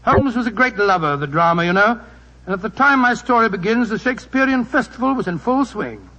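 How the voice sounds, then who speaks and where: High-voiced, chatty English Doctor Watson. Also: male voice, animated, a little fast, bright, forceful tone. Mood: reminiscing. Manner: avuncular, hearty, rambling storyteller. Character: genial, chatty older English doctor recalling past adventures. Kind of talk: 1940s radio acting. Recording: muffled 1940s radio broadcast recording.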